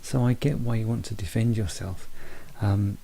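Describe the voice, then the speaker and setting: Male reader, low and mellow, hushed late-night delivery, halting one-to-one reading, close mic. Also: steady tone, vocal fry, a little hiss or hum, low-quality recording. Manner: speaking quietly so as not to wake sleepers; halting, repeats and rephrases phrases. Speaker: psychic reader giving a personal reading. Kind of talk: unscripted one-to-one spoken reading. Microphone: very close to the mouth.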